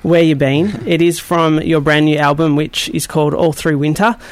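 A man hosting a radio show from a studio, chatty and quick to laugh. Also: fairly high pitch, fairly even intonation, no echo. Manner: friendly, chatty, laughs easily. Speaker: radio host. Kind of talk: casual radio chat.

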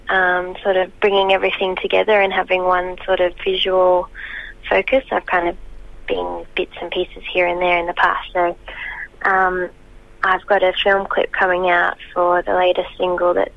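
A woman's voice: fairly low pitch, gravelly. A woman touring as a singer, talking over the phone in a casual interview, hesitant with many ums and restarts. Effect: heard over the phone. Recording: muffled dry phone line.

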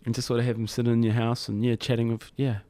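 A man's voice: mid-range voice, flat delivery, fast, mellow, no echo. Middle-aged man with a broad Kiwi accent. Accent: broad New Zealand. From New Zealand. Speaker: hip-hop DJ and MC, interview guest. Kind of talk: casual studio interview chat. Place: studio.

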